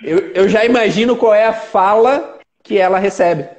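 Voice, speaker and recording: A man's voice: sits high, normal speed, darkish tone, highs cut off. A man, a therapist guest who explains ideas step by step in conversation.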